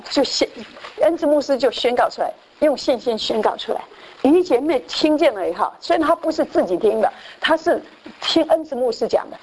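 A woman preaches in a high, slightly mellow voice. Her testimony unfolds as a sermon story marked by frequent repetition and restarts; she blends in English phrases and at times imitates the people she quotes.

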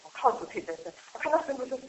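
A middle-aged woman sharing a personal church testimony in a chatty, halting way, with frequent laughs and restarts. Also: high voice, very animated, poor audio. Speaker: church member giving a testimony. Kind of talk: casual spoken testimony.

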